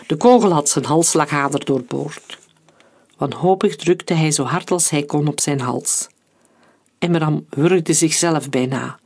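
Steady dramatic audiobook narrator. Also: mid-range voice. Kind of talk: audiobook reading.

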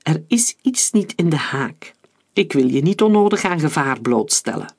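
A paranoid bald industrialist bursts out in tense, urgent lines, as a narrator puts him on. The voice sits mid-range and has a husky, breathy edge. It is an audiobook thriller. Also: medium pitch, expressive, normal speed. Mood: uneasy.

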